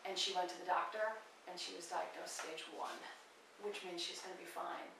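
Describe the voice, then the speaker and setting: A woman's voice: on the low side, steady tone, a little fast, vocal fry. A woman in her forties, a radio guest making an earnest, urgent appeal in a passionate way. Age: 40s. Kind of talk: impassioned awareness appeal. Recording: echoey room from far off, faint noise.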